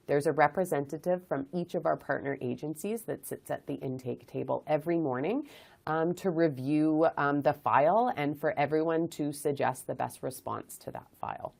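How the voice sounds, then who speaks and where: A woman's voice: sits low, normal speed, vocal fry, a little mellow. A woman hosting an informational webinar, explaining her program steadily with frequent ums. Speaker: webinar host, child advocacy director.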